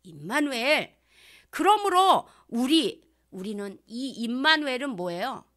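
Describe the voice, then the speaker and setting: A woman pastor giving a sermon, asking the congregation questions and dropping from loud lines to hushed whispers. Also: high voice, sing-song, a little slow. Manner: acts out prayers and quotes in changed voices.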